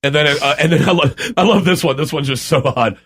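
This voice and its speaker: A man's voice: on the high side, fast talker, a bit bright, breathy edge. A man co-hosting a podcast in casual, joking chat with friends. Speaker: podcast co-host.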